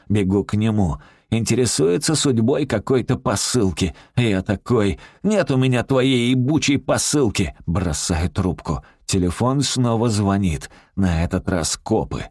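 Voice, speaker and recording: A man's voice: fairly low pitch, lively intonation, a little mellow, breathy edge, no room sound, studio quality. A man narrating a story in the first person as a brash, crude-talking outlaw. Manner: brash, crude street talk, rapid storytelling. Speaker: audiobook narrator.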